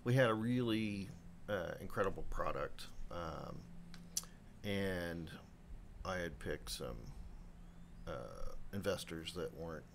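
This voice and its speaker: A man's voice: deep voice, slow pace, creaky, pauses often, slight background noise. A man in his fifties, a chef guest on a podcast, telling his story in a rambling way, often acting out what others said. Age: 50s. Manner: rambling, self-interrupting, animated quoting. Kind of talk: casual interview storytelling. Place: live podcast room.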